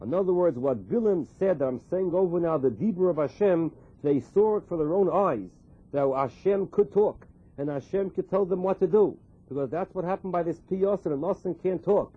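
A man's voice: sits high, normal speed, husky. A man gives a Torah lecture as a religious teacher, explaining scripture by repeating and translating quoted phrases. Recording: muffled, phone-like narrow sound.

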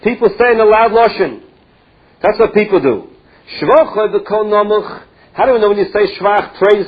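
A man teaching a Talmud lesson, reading the text and explaining it phrase by phrase with halting restarts. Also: high voice, husky, lo-fi sound.

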